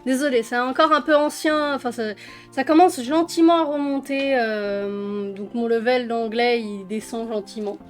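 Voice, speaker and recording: A woman's voice: a little high, normal speed, faint music behind. A French woman casually presenting coloring books in a chatty vlog, with many fillers and fond little words. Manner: chatty, with frequent fillers and diminutives. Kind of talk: casual flip-through vlog.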